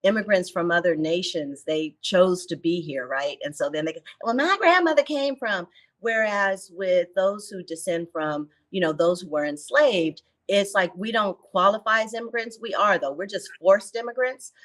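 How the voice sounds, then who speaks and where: A woman's voice: fairly low pitch, moderate pace, few pauses. A woman in her fifties, a podcast guest, talking animatedly and acting out quotes as she tells stories. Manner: animated storyteller, acts out quotes, laughs. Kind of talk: casual interview chat.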